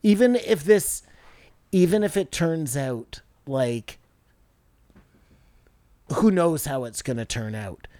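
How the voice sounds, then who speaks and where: A man's voice: a little high, animated, slow pace, pauses often, mellow, no echo. A man co-hosting a podcast in casual chat, speaking in an offhand, joking way. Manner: offhand, jokey, loose talk. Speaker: podcast co-host.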